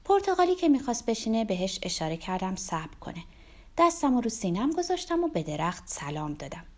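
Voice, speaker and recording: Expressive woman reading a story. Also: on the high side. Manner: expressive, first-person storytelling. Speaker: narrator.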